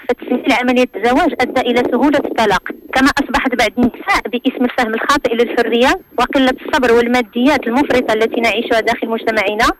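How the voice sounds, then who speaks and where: A woman's voice: a little high, low-quality recording. A woman with a Moroccan accent, heard over the phone as a caller to a radio show, reading out a formal statement and questions in long earnest sentences.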